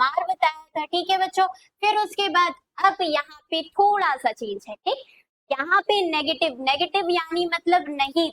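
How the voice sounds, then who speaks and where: High-voiced woman teaching grammar. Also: a bit bright, no room sound, poor audio. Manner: repeats questions back to students, drawn-out dictation. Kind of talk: classroom video lesson.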